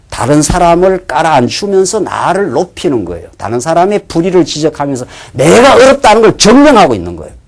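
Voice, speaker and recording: Male pastor, church sermon, lively up-and-down voice, slightly high, asks and answers his own questions, hushed near-whispers. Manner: asks the congregation questions and answers them himself; drops to a hushed near-whisper for inner thoughts.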